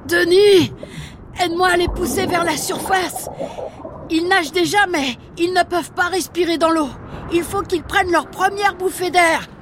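A woman's voice: very high voice, moderate pace, noisy background. A woman playing a brash, voracious mother mosasaur in a children's audio adventure, sassy and exclamatory. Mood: urgent, protective.

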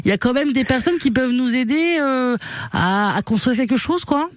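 A male radio presenter with a high voice for a man talks informally and chattily. He rephrases as he goes, in a casual interview with a dry, close sound. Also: animated, moderate pace, dry recording. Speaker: radio host.

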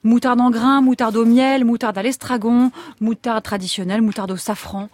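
A woman who is a regular food columnist, presenting a product on the radio in a brisk, precise way. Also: fairly high pitch, steady tone, a little mellow. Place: radio studio.

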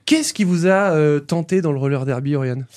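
A man's voice: on the high side, brisk, a little mellow. A male radio host interviewing guests in a chatty, self-deprecating way, with many hesitations.

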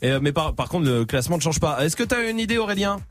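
A man's voice: fairly high pitch, quick pace, soft background music. A man hosting a radio show, running a playful quiz with his co-hosts and callers in casual studio banter. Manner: lively, teasing quiz-master delivery. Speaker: radio host. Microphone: studio microphone.

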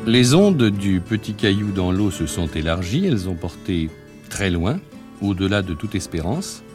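A man's voice: low voice, very animated, unhurried, over music. A man giving poised, scripted narration for a documentary.

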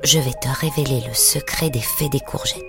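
Storybook mother, tender and secretive, low-voiced, played by a woman, music bed. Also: moderate pace. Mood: excited. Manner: tender, hushed. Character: gentle, mysterious young mother. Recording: music playing underneath.

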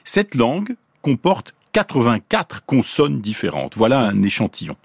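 Husky, lively man explaining on radio. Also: mid-range voice, no echo, clean studio sound. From Paris, France. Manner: clear, lively teaching tone, slows to pronounce examples. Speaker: science columnist explaining linguistics.

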